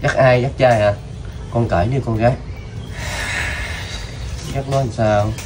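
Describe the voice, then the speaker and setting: A man gently coaxes answers out of a child, filling gaps with soft fillers. His voice sits at an ordinary middle pitch. Clear background noise surrounds him outdoors. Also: fairly even intonation, a little slow. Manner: gentle, coaxing questions with many fillers. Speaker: vlogger interviewing a child. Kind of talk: casual street interview.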